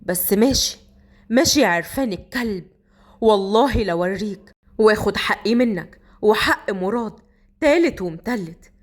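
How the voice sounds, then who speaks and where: A woman voicing a tough, hot-tempered young man from Upper Egypt with an Egyptian accent, speaking in a lowered, commanding voice. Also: lively intonation, moderate pace, close to an everyday voice. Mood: angry.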